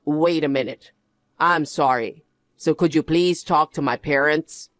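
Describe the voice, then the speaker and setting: A man's voice: on the high side, unhurried, a bit bright, no room sound. A man playing a cowardly cheating husband in a story drama, whiny and pleading. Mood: begging.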